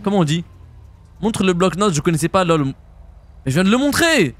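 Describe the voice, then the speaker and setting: A young French man streaming a roleplay game, chatting casually in slang and jumping into high shouts. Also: sing-song. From France. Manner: casual slangy banter, quick jumps to high-pitched shouts. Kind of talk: live-stream roleplay chat.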